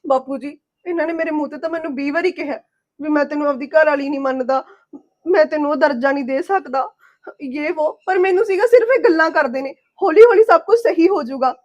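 An actress playing a young wife betrayed by her husband, tearful and pleading, sharp-tongued with him. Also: very high-pitched, fast talker, lo-fi sound. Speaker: wronged first wife.

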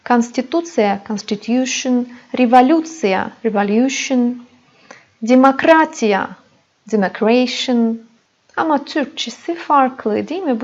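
A woman teaching a language lesson, repeating words slowly and addressing her students as friends. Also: fairly high pitch, darkish tone. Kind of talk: slow classroom explanation. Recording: dull lo-fi recording.

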